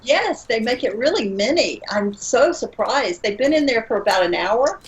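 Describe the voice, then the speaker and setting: A woman's voice: a little high, animated, moderate pace, rough recording. A woman in her sixties chatting casually on a live stream over a video call, giving brief, easygoing replies. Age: 60s. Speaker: stream guest. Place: home room, indoors.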